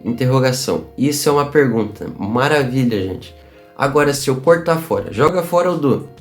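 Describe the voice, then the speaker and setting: A Brazilian man giving a casual online English lesson, upbeat and chatty, slowly repeating examples. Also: mid-range voice, expressive, faint music behind. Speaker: English teacher.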